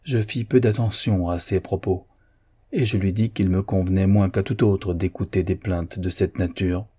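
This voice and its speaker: A man narrating a classic novel in a calm, measured reading. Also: sits low, breathy edge. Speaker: audiobook reader. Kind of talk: scripted narration.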